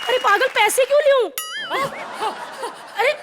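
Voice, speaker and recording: A sassy, quarrelsome newlywed bride in a stage comedy sketch, teasing and scolding in a very high voice. Audience laughter and studio noise fill the room behind her. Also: unhurried, crowd noise.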